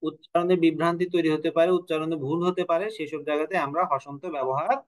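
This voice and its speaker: With a slightly high voice and fairly even intonation, a man moves at a quick pace through an online language class from home or a studio. He explains rules, asks his students questions and tells the odd joke, and the audio is poor.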